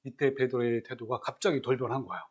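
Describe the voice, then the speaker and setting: A man's voice: mid-range voice, steady tone, fast, slightly rough, highs cut off. A man preaching a sermon as a pastor, asking his listeners questions and acting out quoted scripture.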